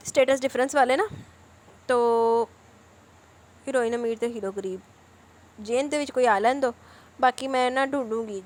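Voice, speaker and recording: A woman who hosts a novel-reading channel, reading out viewer comments and answering each one in casual chat. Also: a little high.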